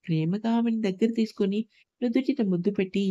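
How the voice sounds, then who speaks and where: A woman storyteller narrating a love story, calm and measured, as the regular voice of the channel. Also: medium pitch, no echo, lo-fi sound.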